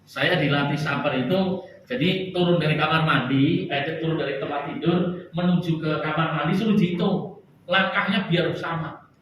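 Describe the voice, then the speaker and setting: A man giving an Islamic study sermon to a gathered audience, lively and joking with the listeners. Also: a little high, normal speed, recorded from a distance, slight background noise. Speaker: religious teacher. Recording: echoey hall, speaker off-mic.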